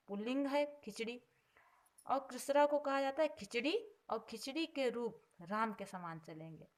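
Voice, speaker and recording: Woman teaching vocabulary, slightly high voice. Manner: explains patiently, repeating each word before its meaning; stresses each headword louder, then drops low on the grammar note. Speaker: Sanskrit teacher. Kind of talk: vocabulary lesson.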